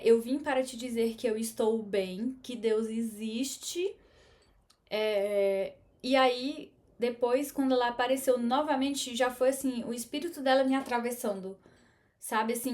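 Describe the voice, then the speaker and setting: A Brazilian woman whose voice sits a little high. She speaks earnestly and conversationally, as if confiding in viewers, and keeps checking in with small tag questions. She has the relaxed flow of a personal storytelling vlog. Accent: Brazilian Portuguese. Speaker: spiritual teacher and medium.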